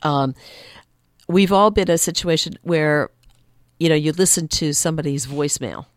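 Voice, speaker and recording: A woman's voice: normal speed, no echo. A woman working as a communication coach, a guest chatting casually at a studio desk mic and acting out quoted voices now and then. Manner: acts out quoted voices with lively pitch swings. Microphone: desk microphone.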